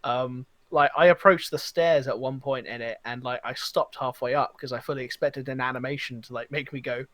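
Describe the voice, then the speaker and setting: A man with a mid-range, slightly bright voice talks briskly and steadily with few pauses on a video game podcast, captured in a dry recording. The chat is casual and animated as he rambles and performs quoted reactions in his stories.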